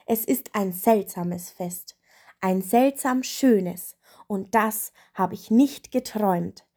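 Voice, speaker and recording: A woman voicing a cheerful little male winter spirit in a storybook, speaking in an excited, sing-song way. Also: mid-range voice, slow pace. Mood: earnest.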